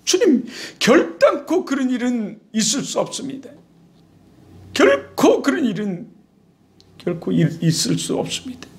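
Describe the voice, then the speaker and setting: A man's voice: very high-pitched, huge pitch swings, unhurried, gravelly, exaggerated voice. A male pastor voicing Peter as a fervent disciple protesting with insistent pleas.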